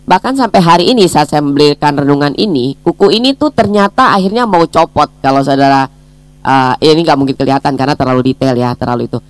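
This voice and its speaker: A woman's voice: low-pitched, expressive, fast talker, dry recording. A woman leading a daily devotional, praying earnestly and then telling a personal testimony to her listeners. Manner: storytelling, addresses listeners as brothers and sisters; prays in a gentle, earnest tone. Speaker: devotional speaker.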